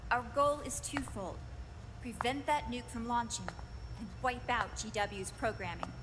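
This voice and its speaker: A woman's voice: fairly high pitch, unhurried, noisy background, lightly acted. Woman acting a grave commanding female officer, echoing hall. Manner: grave, commanding briefing delivery. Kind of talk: scripted video game voice acting. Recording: long hall reverb, music behind.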